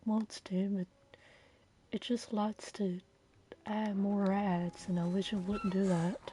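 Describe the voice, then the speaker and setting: A woman streamer giving laid-back, slow-spoken commentary while playing a game. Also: medium pitch, level tone, dark tone, breathy edge. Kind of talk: casual let's-play commentary.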